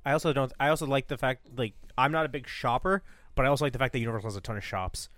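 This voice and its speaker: A man's voice: mid-range voice, racing, fairly bright tone, no room sound, studio quality. A young man co-hosting a podcast in casual chat, telling rambling stories full of "like" and "dude" and swearing freely. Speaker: podcast co-host.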